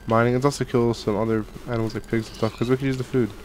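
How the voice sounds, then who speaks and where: A medium-pitched young man talks very fast in a level, darkish tone, giving casual Minecraft let's play commentary from his home gaming room. He's a gaming channel host catching a cold, and his rambling is full of fillers and restarts. Captured on a headset and desk studio mic, the recording is low-quality with slight background noise.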